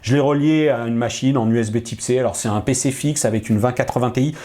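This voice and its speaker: A man hosting a casual tech chat, agreeable and talkative, filling gaps with quick agreement. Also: medium pitch, mellow. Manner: chatty, agreeable, frequent ouais. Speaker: tech show host.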